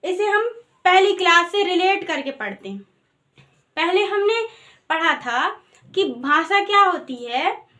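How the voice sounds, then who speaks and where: A woman's voice: extremely high pitch, a bit bright. A woman teaching a grammar lesson in a patient way, asking the class questions and answering them herself.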